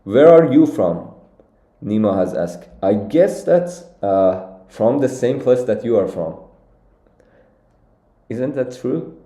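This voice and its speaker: A man's voice: mid-range voice, expressive, slow pace, long pauses, mellow, reverberant. A young man originally from Iran, walking through contest solutions on a live stream and thinking aloud with many fillers and restarts. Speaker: competitive programming streamer.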